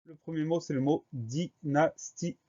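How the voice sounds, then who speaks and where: A man teaching a spelling lesson to young pupils, spelling each word slowly, letter by letter. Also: mid-range voice, warm tone, dull audio. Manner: slow, careful letter-by-letter dictation.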